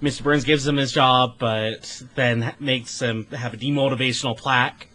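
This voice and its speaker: A man's voice: mid-range voice, steady tone, moderate pace, bright, forceful tone. A man hosting a casual chat who retells scenes with enthusiasm and acts out the quotes.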